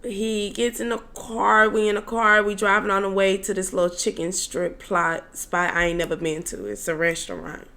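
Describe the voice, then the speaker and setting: A woman's voice: mid-range voice, level tone, moderate pace, few pauses, sharp tone. A young woman telling a casual story-time tale to her viewers in a chatty, slangy way, with exasperated asides to them. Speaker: storytelling vlogger.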